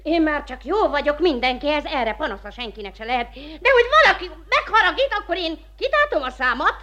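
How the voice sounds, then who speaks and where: Quarrelsome washerwoman for radio, high voice, quick to flare up. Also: sing-song, fairly bright tone. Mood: indignant, defiant. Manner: indignant, defiant, quick to raise her voice. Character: proud, quarrelsome village washerwoman. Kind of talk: 1950s radio play acting.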